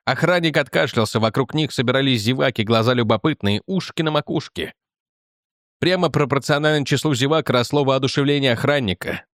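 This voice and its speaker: A man reading a story aloud in an even, measured way. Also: mid-range voice, dry recording, studio quality. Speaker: audiobook narrator. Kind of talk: scripted narration.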